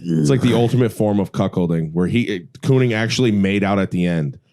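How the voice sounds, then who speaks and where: Low-voiced, laid-back man chatting. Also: animated, brisk, gravelly, a little mellow. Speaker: podcast guest. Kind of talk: casual podcast chat.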